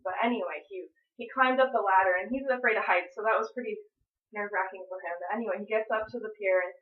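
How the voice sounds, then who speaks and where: A woman's voice: medium pitch, quick pace. A woman telling a casual, rambling story to an audience, with many fillers and restarts. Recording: echoey, distant, dull lo-fi sound.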